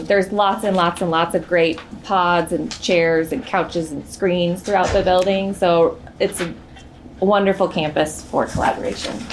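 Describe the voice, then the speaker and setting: A woman's voice: medium pitch, noisy background. A woman leading a school tour, briefing a visiting group in a projected, friendly teacher voice with frequent fillers. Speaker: education project leader guiding a tour.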